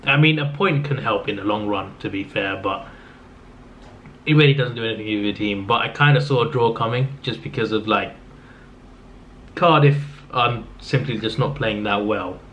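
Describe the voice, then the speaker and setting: A football vlogger with a fairly low voice, losing it as he talks, rambles at normal speed through a casual recap. His delivery is subdued and flat, with frequent restarts and fillers, captured on a camera mic in slightly dull lo-fi audio with faint noise.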